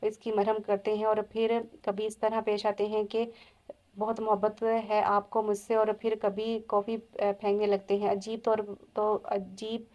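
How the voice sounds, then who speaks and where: Woman reads a sulky, childlike young wife; flat audiobook delivery. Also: medium pitch, measured pace, lo-fi sound, close to an everyday voice. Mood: upset.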